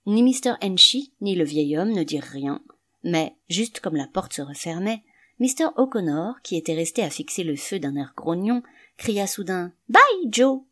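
A woman narrating an audiobook story with expressive storytelling. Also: on the low side, moderate pace.

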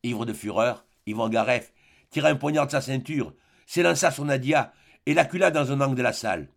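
A man reads a novel aloud as a measured, dramatic narration. His voice has a strong gravelly fry at a mid pitch. The pacing is steady and deliberate. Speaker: audiobook narrator.

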